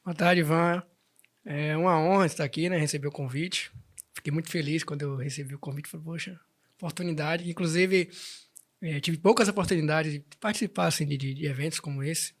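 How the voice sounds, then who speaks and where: The speaker, a band president from Salvador in Bahia, Brazil, is a guest in an informal interview. His voice runs on the high side and his pace is brisk, with frequent restarts as he recounts his story.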